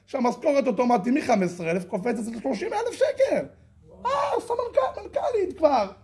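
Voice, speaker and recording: A man giving a religious lesson, telling a story with animated delivery and slow, drawn-out moral asides. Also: extremely high pitch. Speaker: religious lecturer.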